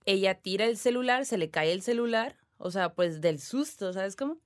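A young Mexican woman casually retelling a spooky story on a podcast, slangy and animated. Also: medium pitch, normal speed, no echo, clean studio sound. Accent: Mexican Spanish. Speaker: podcast co-host.

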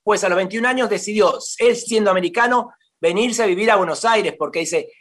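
Argentine man, guest theater columnist, high voice, gushing and repetitive, stumbling restarts. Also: fairly quick, a bit bright. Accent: Rioplatense Spanish. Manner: effusive, repeats himself, many restarts. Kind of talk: casual interview chat.

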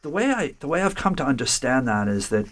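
This man, a literature scholar, has a medium-pitched, sing-song voice and talks fast. He works through a story in a lecture-style, thoughtful conversation, frequently starting phrases over and asking "right?".

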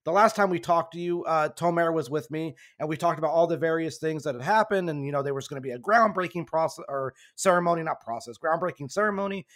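A man's voice: fairly high pitch, quick pace, few pauses, a bit bright. A man hosting a casual sports podcast, talking in a rambling, self-correcting way while losing his voice. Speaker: podcast host.

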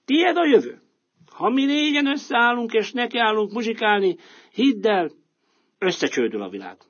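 A man voicing a proud, bossy male donkey who leads a band of animals in a storybook, with a husky voice. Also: very high-pitched, big pitch swings, pitched above the performer's own voice, full character voice. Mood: coaxing. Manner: confident, coaxing, upbeat. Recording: dull lo-fi recording.

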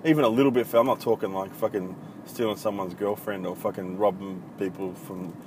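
Speaking briskly in a low, fairly even voice, a thirty-something Australian man from country Victoria hosts a casual solo podcast. His style is blunt, profane, and rambling with many ums, and his iPhone recording picks up traffic noise.

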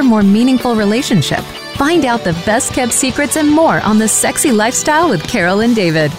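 A woman announcer reading a scripted promo for radio shows. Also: medium pitch. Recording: music bed under the voice. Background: guitar music.

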